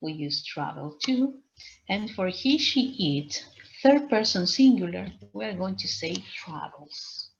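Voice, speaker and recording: Teacher lady, talks slow, keeps asking "ok?", muffled lo-fi sound. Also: mid-range voice, animated, vocal fry. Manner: patient, explains step by step with frequent "¿cierto?" and "¿ok?" checks. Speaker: English teacher. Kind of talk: online class lecture.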